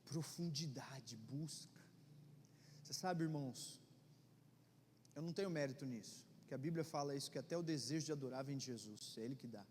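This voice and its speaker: A middle-aged Brazilian man with a Brazilian Portuguese accent, preaching a conversational sermon in church, swinging between loud urgency and quiet intensity. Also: mid-range voice, fairly quick, slight background noise. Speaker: pastor. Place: church hall. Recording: long reverb of a church hall, faint ambience.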